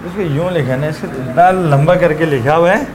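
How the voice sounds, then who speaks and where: Male recitation teacher, high-pitched, slow drilling of letter sounds, keeps checking if students follow, faint traffic behind. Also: a little mellow. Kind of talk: classroom pronunciation lesson.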